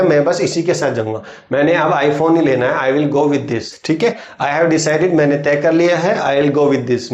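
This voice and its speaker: A man with an Indian accent teaching spoken English, explaining in Hindi and saying English phrases slowly. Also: on the high side, a little mellow, echoey room, muffled recording. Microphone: writes on a board while teaching.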